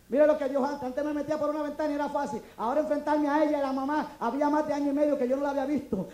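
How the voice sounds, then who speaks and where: A Puerto Rican man preaching a testimony with a very high, ringing voice, shouting praise fervently between stories. The church hall around him is roomy and echoey. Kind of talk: testimony sermon.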